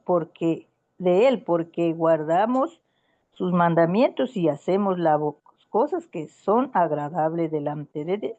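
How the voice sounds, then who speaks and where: A woman's voice: lowish voice, dark tone, lo-fi sound. A woman in a casual Bible study conversation, telling a story in an earnest, rambling way with many restarts.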